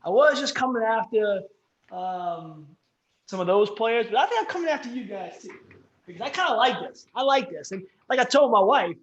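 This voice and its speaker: High-pitched and fairly bright, a male co-host banters over beers on a podcast. The talk is rambling and jokey, breaking off into interruptions again and again. There's a roomy echo on the recording.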